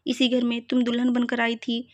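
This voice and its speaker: Brief: elderly stern matriarch, read by a woman narrator, even storybook delivery, higher voice. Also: moderate pace, muffled recording, noisy background, close to an everyday voice. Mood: anguished. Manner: stern and pleading. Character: stern then broken elderly mother-in-law woman.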